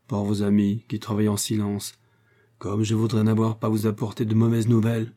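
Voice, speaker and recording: A man's voice: on the low side, monotone, moderate pace, mellow, lightly acted. A man doing an earnest young inventor. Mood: worried. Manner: heartfelt, emotional outbursts.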